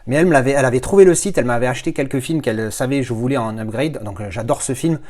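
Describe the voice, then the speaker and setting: A man talks casually as he unboxes films. His voice sits at an average pitch, and he rambles along with frequent fillers and restarts. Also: rapid-fire, a little mellow.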